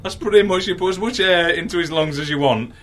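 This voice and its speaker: A man's voice: sits high, fast talker, a bit bright. A man joking and rambling in casual banter, laughing often.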